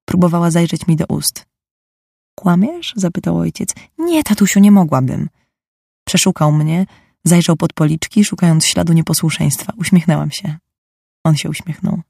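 Woman, audiobook narrator, first-person literary reading, dark husky voice, gravelly edge. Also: low-pitched, little pitch movement, moderate pace, no room sound, clean studio sound.

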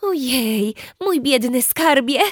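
A woman voicing a calm, doting mother who talks to her children in a soothing, patiently lecturing way. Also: high voice, slow, no room sound, clean studio sound, pitched above the performer's own voice, full character voice. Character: calm, doting mother of a teen girl and a baby.

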